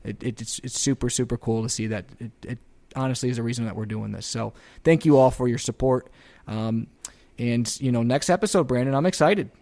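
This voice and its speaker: A man's voice: medium pitch, brisk, mellow. A man co-hosting a casual podcast, upbeat, laughing often and restarting his words. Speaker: podcast co-host.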